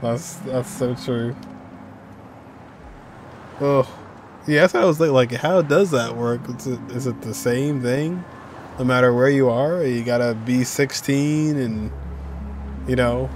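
A young man reacts live to a game from his desk indoors, his medium-pitched voice slow and broken by long pauses. There's a slight hiss or hum. He's casual and animated, exclaiming and laughing at whatever appears on screen.

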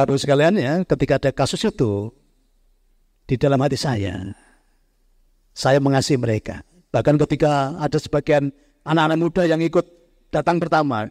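A man's voice: on the high side, a little mellow, no echo, studio quality. A man giving a motivational spiritual talk to a live audience. He speaks conversationally, addresses the audience directly, and mixes in words.

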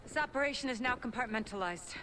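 A woman's voice: a little high, expressive, fast, slight background noise, rough recording. An actress playing a cool, insistent female intelligence chief in a video game, speaking with clipped, controlled urgency. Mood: cool, firm. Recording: loud music behind game dialogue.

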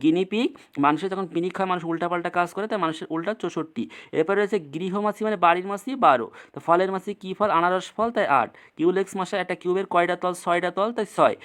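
Informal tutor, mid-pitched, teaching by repetition and quick quiz questions. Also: fairly bright tone. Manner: repeats each point, quizzes with quick rhetorical checks. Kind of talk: casual mnemonic lesson.

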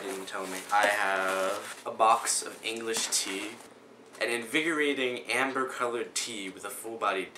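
A man vlogging casually as he unboxes a package, excitable and rambling with frequent stumbles. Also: on the low side, background noise. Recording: roomy echo.

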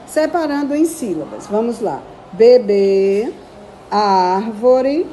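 A woman's voice: on the high side, mellow, slight background noise. A woman teacher with a Brazilian Portuguese accent, patiently going through a recorded school lesson and drawing out words to stress their syllables.

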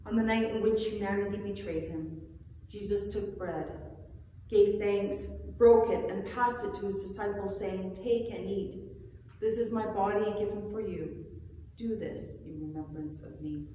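A woman pastor reciting a church liturgy in a measured, solemn way, her voice carried by a heavy cathedral-like echo. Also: medium pitch, warm tone, a little hiss or hum. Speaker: pastor presiding at communion. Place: large church sanctuary. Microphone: distant room mic. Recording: echoey church hall from far off.

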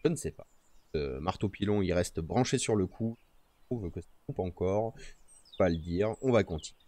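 A low, dark-toned man's voice with lively intonation comes through at a normal pace in a dry recording. He's chatting casually on a stream out in nature, adjusting his streaming microphone, which has a noise gate, and talking to both himself and his viewers.

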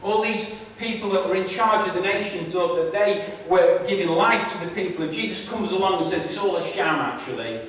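A man delivers a sermon in a high, earnest voice, repeating and restarting his phrases for emphasis. He sounds far from the mic in a very echoey church hall with a long reverb tail. A faint hiss of room noise sits underneath. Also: steady tone, brisk, hardly any pauses, fairly bright tone. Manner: repetitive, emphatic, stumbling restarts. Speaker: preacher.

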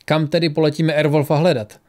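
A man voicing a gruff middle-aged mercenary father who questions impatiently in an audiobook. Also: on the high side, flat delivery, a little mellow, close to an everyday voice.

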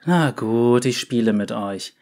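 A man's voice: mid-range voice, a little slow, darkish tone, close to an everyday voice. A man voicing a gloomy, sulky young female yordle who answers curtly in a storybook reading. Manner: sullen, curt.

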